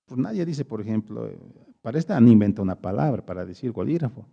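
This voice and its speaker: A man, speaking as the invited speaker at a public talk and answering audience questions, halting and searching for words with many pauses. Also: on the low side, animated, gravelly, dull audio. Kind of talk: explanatory lecture with audience questions.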